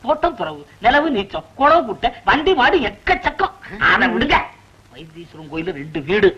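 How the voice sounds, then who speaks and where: A man pitches a groom with salesy, persuasive patter in a high, bright voice. The sound is slightly dull. It comes from an old film soundtrack. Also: sing-song, moderate pace. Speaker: film comedian playing a marriage broker. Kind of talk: film comedy dialogue.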